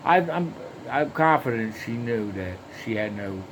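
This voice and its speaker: A man drawls through a long personal story at an unhurried crawl, and nearly every sentence carries a curse word. He stumbles, repeats himself and circles back, filling the gaps with "uh" and "like". A faint hum of background noise sits behind his voice. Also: medium pitch, lively intonation. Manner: heavily profane, rambling, with frequent restarts and fillers. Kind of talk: rambling first-person story monologue.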